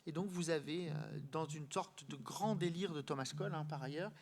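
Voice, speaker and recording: A man giving a live art history lecture, explaining to his audience directly, halting and searching for words with frequent repeats. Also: a little high.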